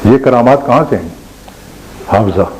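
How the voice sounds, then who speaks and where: Older male lecturer, mellow tone, measured questioning delivery, faint noise behind. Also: medium pitch, animated, poor audio. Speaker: former college principal and teacher. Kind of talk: lecture with anecdotes.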